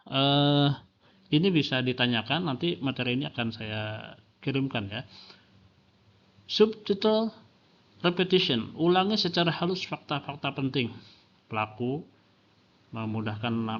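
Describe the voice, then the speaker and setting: A man's voice: mid-range voice, animated, normal speed, pauses often, highs cut off. A male lecturer, explaining a lesson with examples, frequent fillers and rhetorical questions. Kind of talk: classroom lecture.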